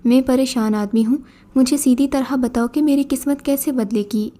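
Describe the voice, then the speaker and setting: A woman's voice: high voice, fairly even intonation, warm tone, lightly acted. Woman reading a desperate poor young man. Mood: pleading. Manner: pleading, confused.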